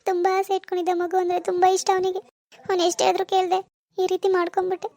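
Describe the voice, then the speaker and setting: A woman's voice: extremely high pitch, completely flat delivery, racing, warm tone, no room sound. A woman voicing a tearful young married daughter in a cartoon, complaining and full of self-pity. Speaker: grieving daughter. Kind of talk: cartoon voice acting.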